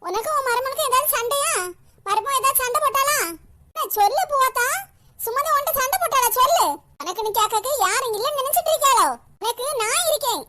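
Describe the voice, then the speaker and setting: A woman voicing a nosy, talkative old village woman with a Kanyakumari Tamil accent in an animated cartoon, pressing with questions. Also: extremely high pitch, brisk. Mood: prying. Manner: prying, insistent questioning.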